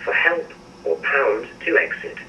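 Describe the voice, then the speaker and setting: A man's voice: a little high, creaky, sharp tone. Automated male voicemail voice over a landline phone. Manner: measured, recorded menu announcements. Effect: heard over a landline phone handset. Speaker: automated voicemail menu prompt. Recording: muffled, distant landline phone audio with faint hiss.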